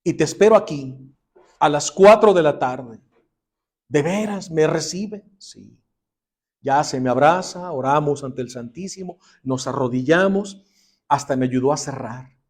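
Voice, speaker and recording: A man's voice: on the high side, measured pace, slightly rough. Man telling a story in a Bible class. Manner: dramatic retelling, dropping to a hushed voice for emotional lines.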